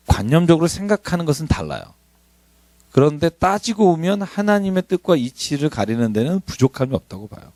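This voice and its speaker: Middle-aged male pastor, conversational sermon with humor, expressive pitch. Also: no room sound. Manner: conversational, animated, joking asides.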